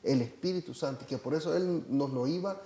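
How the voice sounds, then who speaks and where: A man's voice: a little high, fairly quick, dark tone. Hesitant Salvadoran man, echoey room. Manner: hesitant, many fillers and restarts. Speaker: church member reporting on a trip. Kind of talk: casual chat.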